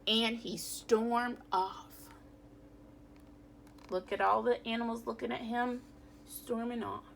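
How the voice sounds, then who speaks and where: A woman's voice: on the high side, level tone, gravelly, a little hiss or hum. A woman teacher, reading a picture book aloud to children and stopping to quiz them. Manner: reads slowly, stops to quiz children. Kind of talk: read-aloud lesson for children. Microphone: phone camera.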